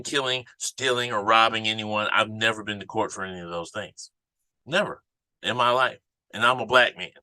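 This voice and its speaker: Here is a man hosting a political commentary podcast in a low, forceful voice. He speaks off the cuff with indignant emphasis and circles back over phrases to drive them home. The sound is dry, with very little room. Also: dry recording, low-quality recording. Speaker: podcast host.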